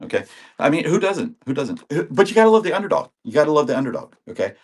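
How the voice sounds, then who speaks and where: Fairly high-pitched and sing-song, he talks quickly. He's in his sixties and recovering from an illness, casually rambling as he sells videotapes on a live auction stream and says hello to viewers by name.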